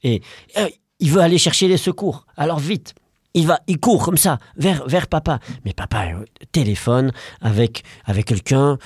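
Brief: parent-storyteller, man, very lively pitch, playful, dry close sound. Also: moderate pace, slightly rough, no echo. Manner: animated, playful, with hesitations. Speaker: parent telling a bedtime story. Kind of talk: improvised storytelling to a child.

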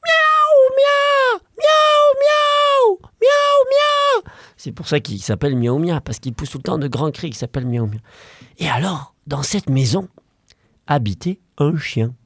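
A man improvising a bedtime story for a child at home, playful and animated with small hesitations. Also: mid-range voice, normal speed, gravelly, husky. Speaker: parent telling a bedtime story.

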